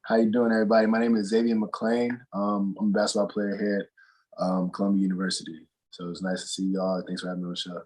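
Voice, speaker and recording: A young man from North Carolina, a college basketball player answering interview questions in a relaxed, rambling way full of fillers and restarts. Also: lowish voice, fast, rough recording. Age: young adult.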